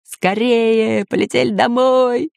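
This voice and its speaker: A woman voicing a greedy, scheming male pirate who is a sidekick and sometimes talks in a hushed, plotting way. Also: fairly high pitch, steady tone, slow pace, creaky, dry recording, studio quality, pitched above the performer's own voice, full character voice.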